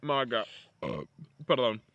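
A man's voice: medium pitch, big pitch swings, a little slow, fairly bright tone, no echo, dull audio. A young Argentine man talking in a casual chat, rambling and slangy, swearing freely and restarting his sentences often. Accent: Argentine Spanish.

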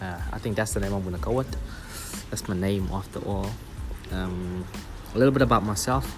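A young South African man with a South African accent, hosting his own podcast in an earnest, explanatory way with frequent pauses. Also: low voice, over music. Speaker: podcast host. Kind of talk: solo motivational podcast talk.

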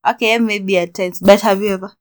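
Animated woman co-hosting a chatty podcast. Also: mid-range voice, brisk. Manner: animated, laughs often, restarts sentences. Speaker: podcast co-host. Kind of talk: casual chat.

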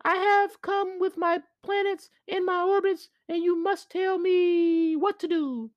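A man voicing the spirit of the South, a cosmic power, who questions and insists in a strained, high voice. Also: steady tone, measured pace, dry recording, dull audio. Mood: questioning.

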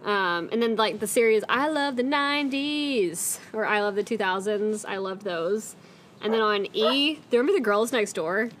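A woman's voice: mid-range voice, lively intonation, normal speed, a bit bright. A young woman co-hosting a casual podcast at home, rambling enthusiastically through remembered shows and pastimes. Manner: enthusiastic, rambling lists of memories. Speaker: podcast co-host. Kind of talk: casual chat. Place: indoors, a room at home.

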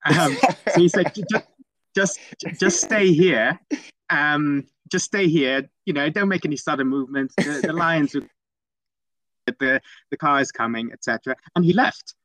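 His voice is on the high side and fairly bright, at normal speed, on a low-quality recording. A hesitant young man from the Netherlands, he's a conservation program manager guesting in a casual storytelling interview, full of ums and restarts.

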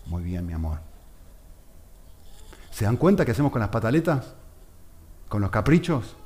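A man, a pastor preaching a sermon in an animated manner, acting out dialogues. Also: a little high.

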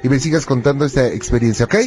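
A man's voice: medium pitch, quick pace, a little mellow. A man hosting a radio call-in show, listening closely and answering with short acknowledgments. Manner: attentive, frequent short acknowledgments.

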